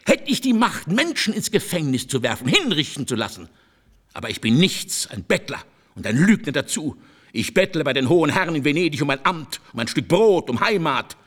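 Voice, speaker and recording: Man voicing an aging male seducer, bitter, declaiming, lively swings in pitch, grim and insistent. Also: brisk. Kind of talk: audiobook character reading.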